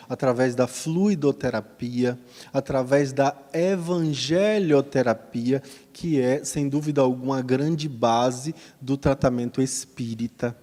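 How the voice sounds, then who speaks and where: A man with a Brazilian Portuguese accent answering a question at a spiritist lecture in a measured, explanatory way. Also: medium pitch, dark tone. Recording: long hall reverb.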